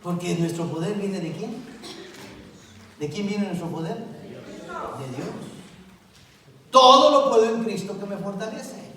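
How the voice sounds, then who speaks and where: A middle-aged man preaches in a fairly high voice, stressing and repeating key words and asking the congregation questions. He sounds distant from the mic in a very echoey church sanctuary. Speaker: pastor. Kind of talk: sermon.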